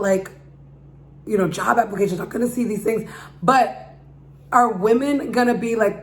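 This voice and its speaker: A woman with a slightly harsh, raised voice gives a casual, slangy opinion monologue to viewers, putting rhetorical questions to them. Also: mid-range voice. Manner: speaking loudly to be heard. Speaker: vlogger giving opinion. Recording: roomy echo with background hum.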